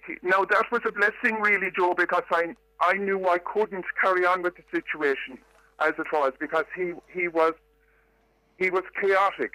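An older Irish woman calling in to a radio show, her voice disguised by a pitch-altering distortion, telling her story in a measured, reflective way with hesitations. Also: fairly even intonation, pushed and bright, dry recording. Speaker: caller. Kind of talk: phone-in radio call.

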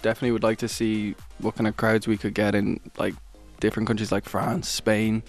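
A man's voice: on the low side, little pitch movement, fairly quick, faint music behind. A man chatting casually as a musician in an interview. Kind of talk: casual chat.

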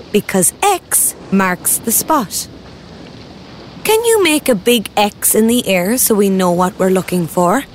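Lively woman leading a kids' story. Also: mid-range voice, slight background noise. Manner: animated, encouraging, speaks straight to the child. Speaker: children's activity presenter. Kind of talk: interactive storytelling for young children.

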